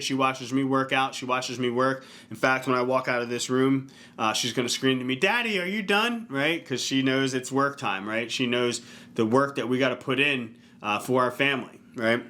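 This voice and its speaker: Bright-voiced man giving motivational talk. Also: medium pitch. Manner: casual, earnest, keeps tagging "right?". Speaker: fitness coach. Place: indoor room.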